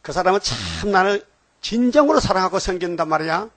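A man's voice: sits high, big pitch swings, a little fast, a bit bright, exaggerated voice. A male preacher voicing God as a stern figure questioning Satan in a retold scripture scene.

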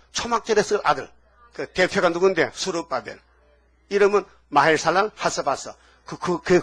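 An older man preaching a sermon, acting out biblical dialogue in animated bursts. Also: on the high side, breathy edge, no room sound. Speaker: pastor.

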